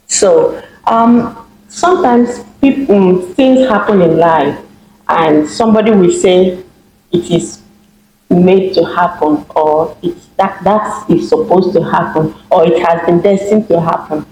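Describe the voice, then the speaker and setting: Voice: mid-range voice, slight background noise. Talk host in an echoey room. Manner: plain, steady, asks questions. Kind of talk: casual talk show hosting.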